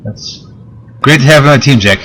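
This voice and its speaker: A man's voice: mid-range voice, brisk, a bit bright. A man running a tabletop game as game master, narrating casually in a hesitant, chatty, jokey way. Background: background game music.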